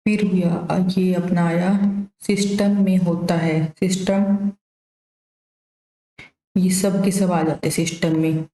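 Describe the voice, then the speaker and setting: A woman's voice: on the low side, level tone, slow pace, pauses often, warm tone, reverberant, low-quality recording. A woman teacher going through exam questions one by one, explaining the answers casually and giving memory tricks. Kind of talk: exam revision lesson.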